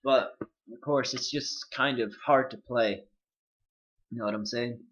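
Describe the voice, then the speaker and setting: A man's voice: steady tone, unhurried, fairly bright tone, a little hiss or hum. A young man co-hosting a casual gaming podcast, rambling with lots of fillers. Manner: rambling, lots of "like", jumps up and down in pitch. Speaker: podcast co-host. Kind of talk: casual chat. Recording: echoey room, muffled lo-fi mic.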